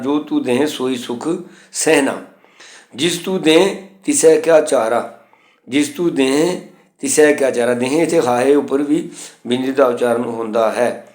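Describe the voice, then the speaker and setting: A man's voice: mid-range voice, a little mellow. Man teaching scripture pronunciation, roomy. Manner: recites verses slowly, then explains grammar point by point. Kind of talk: recitation and explanation lesson.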